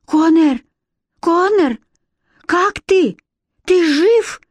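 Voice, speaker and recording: A cautious twelve-year-old girl from a storybook, voiced by a woman. She pleads and scolds in a high, worried voice. The recording is close and dry. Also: moderate pace, a little mellow, dry recording, lightly acted. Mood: frightened.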